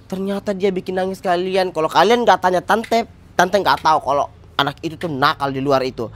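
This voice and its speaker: A woman's voice: fairly low pitch, brisk. A woman performing in a family comedy skit, scolding and lecturing.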